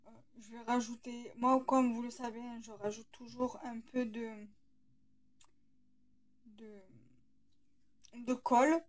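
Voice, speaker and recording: A woman's voice: on the high side, little pitch movement, takes it slowly, pauses often. A woman with a slight lisp, hesitantly thinking aloud as she narrates a casual craft tutorial.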